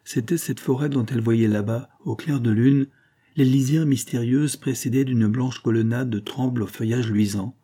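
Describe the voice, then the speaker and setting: Dark-voiced male audiobook narrator. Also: medium pitch, fairly even intonation, normal speed. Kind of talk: scripted novel narration.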